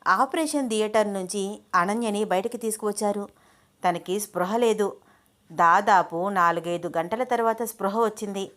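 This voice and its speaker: A woman storyteller narrating a romantic family story in a steady, expressive reading voice. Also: mid-range voice, normal speed.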